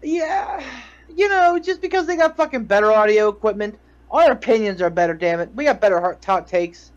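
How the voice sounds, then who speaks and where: A man's voice: high-pitched, lively intonation, fairly quick, lo-fi sound. A man co-hosting a casual podcast, mocking others with heavy swearing in loose banter. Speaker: podcast co-host.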